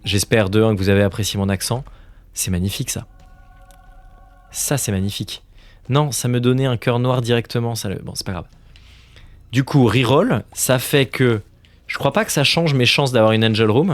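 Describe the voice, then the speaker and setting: A man's voice: mid-range voice, normal speed, long pauses, no room sound. A man in his thirties streaming a game, exasperated and swearing often, now and then dropping to a muttered whisper. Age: 30s. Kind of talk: casual gameplay commentary.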